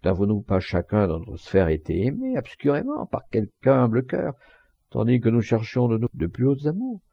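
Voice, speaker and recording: A man narrating a literary audiobook in a measured, expressive reading with varied emphasis. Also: medium pitch, creaky, no room sound, dull audio.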